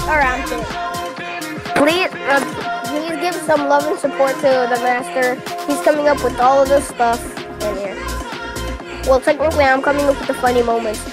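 A young gaming channel host chatting casually and playfully, with giggles and loud bursts. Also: female voice, high-pitched, moderate pace, rough recording. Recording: music playing behind.

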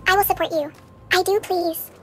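A machine voice with a sped-up, high chipmunk effect, speaking as an eager AI chat companion in an earnest, soothing, overly reassuring way. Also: female voice, fairly even intonation, normal speed, a bit bright, slight background noise. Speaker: AI chatbot companion.

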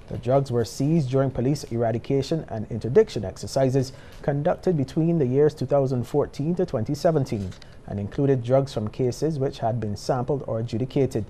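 A man's voice: medium pitch, warm tone. A middle-aged man with a Barbadian accent reading scripted news as a studio anchor.

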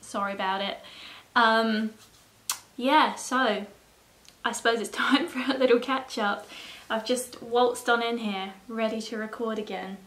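A woman's voice: fairly high pitch, fairly even intonation, a little slow, fairly bright tone. A woman vlogging to her viewers in a casual, chatty way, swearing freely and laughing often. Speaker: YouTuber. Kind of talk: casual vlog chat. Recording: roomy echo.

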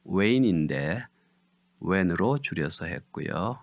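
A man teaches pronunciation in a low, gravelly voice. He moves at an unhurried crawl, pulling each word apart on a dry, close mic. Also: expressive, no room sound. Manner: drawn-out deliberate word-by-word reading. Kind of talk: slow instructional explanation.

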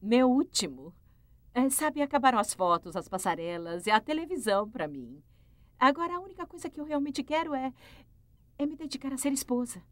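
A woman's voice: high voice, big pitch swings, brisk, no room sound. A woman dubbing a confident former model who talks with light, easy laughter. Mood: breezy. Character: glamorous former model, breezy and self-assured. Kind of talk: dubbed telenovela acting.

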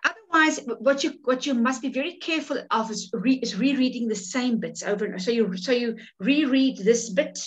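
Speaking with a South African accent, this Afrikaans-speaking woman from South Africa is an author running a writing workshop on a video call, recorded through the webcam. Her pitch sits on the high side and she talks briskly with few pauses, in a casual manner full of restarts and repeated words.

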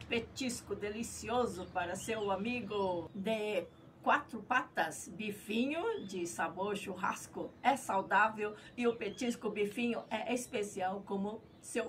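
A middle-aged Brazilian woman hosting a pet product review vlog in a playful, cutesy manner, sprinkling in Japanese catchphrases. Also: medium pitch. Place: small tiled outdoor patio or yard. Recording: clear background noise, outdoor ambience.

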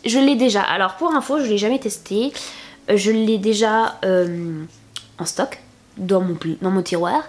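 A young woman talking casually to the camera as a beauty vlogger, chatty, with many fillers and restarts and playful little reveals. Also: on the high side. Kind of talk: casual haul video chat.

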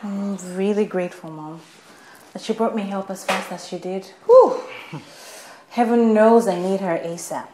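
A woman's voice: mid-range voice, a little slow, noisy background, close to an everyday voice. An actress with a Nigerian accent playing a busy young married woman, defensive and exasperated with her mother. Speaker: young wife. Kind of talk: film acting.

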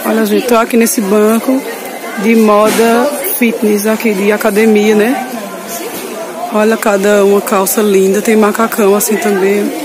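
Amid a loud crowd at a busy street clothing market, a Northeastern Brazilian woman vlogs her shopping, speaking a little slowly in a flat, mid-range voice. She chats informally, frequently addresses viewers, and repeats details as she shows the stalls.

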